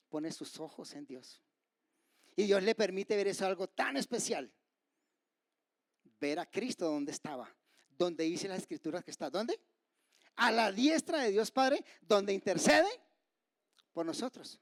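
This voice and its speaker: A man preaching with a high, bright voice, recorded close and dry with no room echo. He swings from loud, forceful bursts down to near whispers and keeps asking his listeners rhetorical questions. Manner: dramatic swings from loud outbursts to hushed whispers; asks the congregation rhetorical questions. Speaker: pastor. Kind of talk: sermon.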